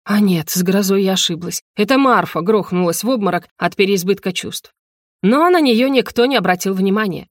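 A woman reading a first-person fantasy novel aloud as an audiobook narrator, telling it with lively, wry irony. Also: mid-range voice, no room sound. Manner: lively, ironic storytelling. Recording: dry close recording.

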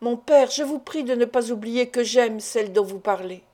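A woman reading a stiff, indignant young man in love in an audiobook, speaking formally and tensely to his father. The voice is fairly high, warm and mellow. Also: moderate pace, lightly acted.

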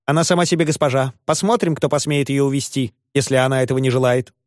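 A man's voice: medium pitch, quick pace, a little mellow, dry recording, studio quality, natural voice. A man voicing a brazen swindler who speaks fiercely and haughtily. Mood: defiant. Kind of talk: audiobook character voice.

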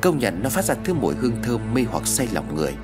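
A man narrating a horror story in an expressive, dramatic storytelling style. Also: medium pitch, fast talker, over music. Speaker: audiobook narrator.

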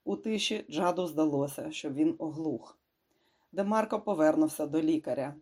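An audiobook narrator reading a thriller in a steady, measured way. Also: medium pitch.

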